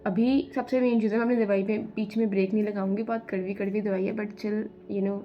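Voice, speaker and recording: A woman's voice: medium pitch, fairly even intonation, fairly quick, lo-fi sound, slight background noise. A young woman talking casually in a study vlog, chatting and mixing English phrases into her Hindi. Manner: chatty, mixes English phrases into Hindi, says "yaar" often. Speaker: vlogger preparing for civil services exam.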